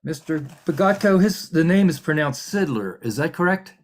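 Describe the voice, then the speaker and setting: This is a man acting as a hearing examiner, speaking over a video call. He moves through the proceedings carefully and politely. He often pauses on fillers and restarts his sentences. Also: on the high side. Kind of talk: formal virtual hearing proceedings.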